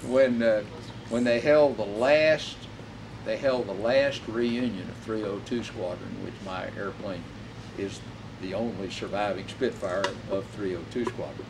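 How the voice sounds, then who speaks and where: A man's voice: on the low side, unhurried. A man who restored and flies a warplane, talking casually, swearing freely and rambling with fillers, recorded in a hangar. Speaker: warbird restorer and pilot. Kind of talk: casual conversation. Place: aircraft hangar. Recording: distant mic with background noise.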